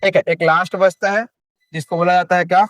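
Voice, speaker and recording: Speaking briskly in a high-pitched, fairly bright voice with flat delivery, a young man teaches Hindi grammar with a Chhattisgarhi Hindi accent. He quizzes the class and answers his own questions, and there's no room sound.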